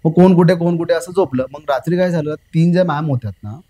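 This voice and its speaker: A young man recounting something that happened to him in casual storytelling, repeating himself, filling pauses with "uh" and calling the host sir. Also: a little high, mellow, low-quality recording. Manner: rambling, repeats phrases, fills pauses with "uh", addresses the host as sir. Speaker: guest recounting a personal experience.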